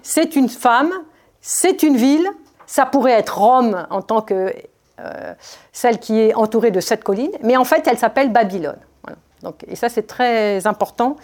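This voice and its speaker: A woman giving a Bible study talk, reading verses and explaining them in a spontaneous, halting way with many fillers and restarts. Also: a little high, lively intonation, darkish tone. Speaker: Bible teacher.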